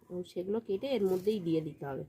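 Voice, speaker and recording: Speaking rapid-fire in a lowish voice, a Bengali woman explains each step of her village home cooking with plain, repetitive instructions. Loud cooking noise of sizzling and stirring runs underneath.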